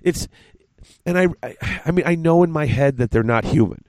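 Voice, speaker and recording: A man hosting a podcast with a cold, congested and talking in halting, rambling chat. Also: on the high side, lively intonation, darkish tone, dry recording. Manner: rambling, halting, many restarts. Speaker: podcast host.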